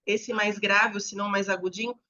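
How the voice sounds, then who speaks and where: A woman's voice: medium pitch, little pitch movement, a little fast, sharp tone, highs cut off. A woman educator, explaining to teachers and demonstrating examples aloud.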